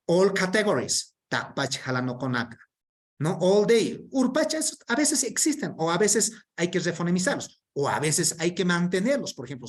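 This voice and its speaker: A man presenting an online workshop, reading through a term list in an explanatory way and often checking in with tag questions. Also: high-pitched.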